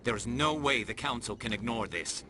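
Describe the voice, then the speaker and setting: A man's voice: medium pitch, normal speed, bright, forceful tone, a little hiss or hum, natural voice. A man voicing a confident, determined alien police investigator in a video game.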